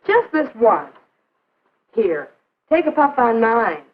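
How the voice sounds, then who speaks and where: A woman's voice: a little high, big pitch swings, slow pace. A woman acting a breezy, insistent teenage hostess who coaxes her friends, in 1950s educational film style. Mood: coaxing. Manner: coaxing, insistent. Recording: noisy, phone-like 1950s film soundtrack.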